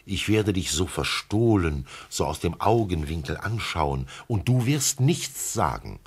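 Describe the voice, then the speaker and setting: A man voicing a wise, gentle male fox with a husky voice, speaking in a lively, heartfelt way in a classic radio play. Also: deep voice, measured pace, exaggerated voice. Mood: pleading, tender. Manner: lively, pleading, heartfelt delivery.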